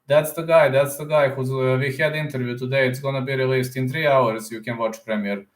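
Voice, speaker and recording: A mid-range male voice, fairly even in intonation and a little quick, carries through a room with noticeable echo. It's a combat sports YouTuber in loose live stream chat, rambling as he answers comments aloud, doubling up words and often tacking on "man."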